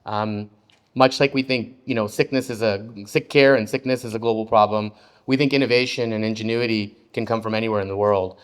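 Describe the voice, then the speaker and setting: A man from Canada, a venture investor answering on a panel discussion with a relaxed manner and frequent ums. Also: lowish voice, fairly quick, smooth.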